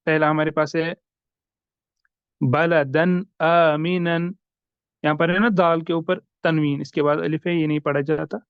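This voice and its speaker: A man teaching tajweed, who spells out Arabic words slowly, letter by letter. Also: fairly high pitch, clear, resonant tone, no echo, highs cut off. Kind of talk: online lesson.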